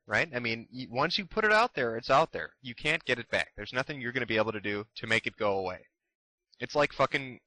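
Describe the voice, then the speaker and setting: A man's voice: mid-range voice, bright, forceful tone, no room sound, low-quality recording. Heated, profane man ranting. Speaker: commentary host. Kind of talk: ranting commentary.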